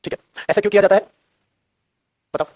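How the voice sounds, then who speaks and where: A man's voice: a little fast, darkish tone, dry recording, studio quality. A middle-aged man teaching English grammar to a live class with a Hindi accent, repeating points and calling the students "beta".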